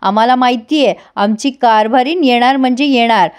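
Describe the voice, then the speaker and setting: A woman's voice: fairly high pitch, moderate pace, clean tone, lightly acted. A woman doing an indignant young heir. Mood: angry. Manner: indignant, formal royal "we". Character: young man, stubborn lovesick heir.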